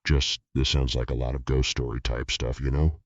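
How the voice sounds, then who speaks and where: A man voicing a calm, skeptical young boyfriend in a spoken horror story. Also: very deep voice, normal speed, slightly rough, no room sound, exaggerated voice. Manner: calm, reasoning. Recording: dull lo-fi recording.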